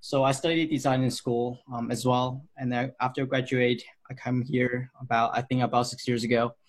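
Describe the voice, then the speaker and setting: A man in his thirties from Hong Kong answers interview questions about his design career. His mid-range voice keeps a level tone at a normal speed, and his answers ramble, with frequent fillers and restarts.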